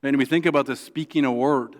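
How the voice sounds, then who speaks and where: A man's voice: mid-range voice, fairly even intonation. A male pastor preaching a sermon in a conversational way, often asking "right?" and restarting his sentences. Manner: acts out quoted prayers in a soft, hushed voice; halting restarts and repeated words.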